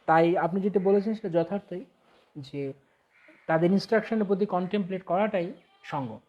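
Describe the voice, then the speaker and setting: A man's voice: high-pitched, moderate pace, highs cut off. A man with a Bengali accent, a spiritual teacher answering viewer questions in a devotional talk, reading each question aloud and then explaining it with everyday examples.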